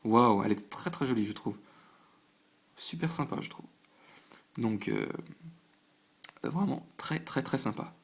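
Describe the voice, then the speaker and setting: A mid-pitched man with vocal fry hosts a channel from his home desk under a lamp, opening trading card packs in casual on-camera commentary. He's animated yet hesitant and stumbling, full of fillers and restarts, running through items one at a time with quick verdicts.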